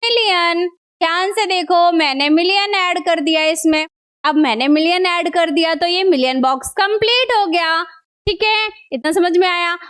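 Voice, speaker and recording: High-voiced woman teaching a math lesson. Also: a bit bright. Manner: coaxing, repeats questions to students; slows right down on numbers.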